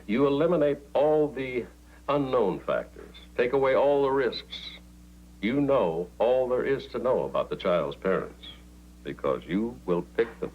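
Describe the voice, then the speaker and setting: An actor playing a polished male adoption broker in a 1980s TV drama, speaking calmly and in a businesslike way. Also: mid-range voice, a little slow, highs cut off. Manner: calm, businesslike, lecturing.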